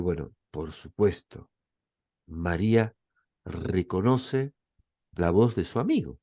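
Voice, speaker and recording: A man's voice: on the low side, a little mellow, no room sound, studio quality. A man with an Argentine accent giving a reflective Bible lecture as a professor, often checking in with his listeners. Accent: Argentine Spanish.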